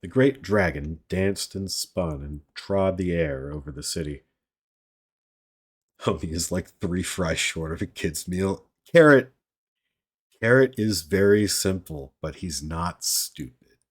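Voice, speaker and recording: A man reads a novel aloud to his stream audience, pausing for relaxed, chatty asides. His voice is low and slightly husky, and he takes his time. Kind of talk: live-stream book reading with casual asides.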